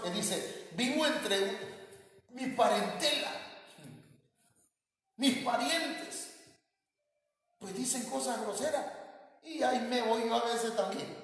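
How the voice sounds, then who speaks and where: A man preaching a sermon as pastor, emphatic, rising on key words and stretching them out. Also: sits high. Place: church. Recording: echoey church hall.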